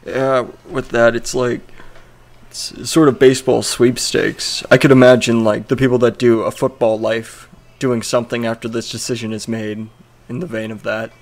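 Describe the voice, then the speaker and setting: A man's voice: mid-range voice, flat delivery, normal speed. Tired, laid-back male co-host. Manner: laid-back, short replies. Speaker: podcast co-host. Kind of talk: casual sports podcast chat.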